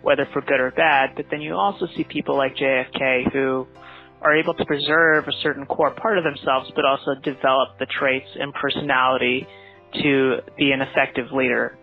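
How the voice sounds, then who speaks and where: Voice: medium pitch, fairly even intonation, fairly quick, faint music behind. A caller leaving an earnest, reflective voicemail over a phone line. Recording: husky tinny phone line.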